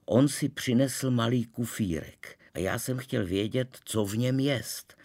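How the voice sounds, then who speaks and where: A man narrating an old-fashioned children's story in an expressive storytelling manner, told as a child. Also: medium pitch, vocal fry, breathy edge.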